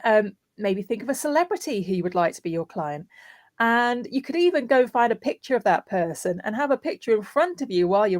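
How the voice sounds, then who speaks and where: A woman with a mid-range, slightly mellow voice, recorded dry with no room sound. She is a guest voiceover artist sharing practical tips in a conversational way and using everyday examples to make her points.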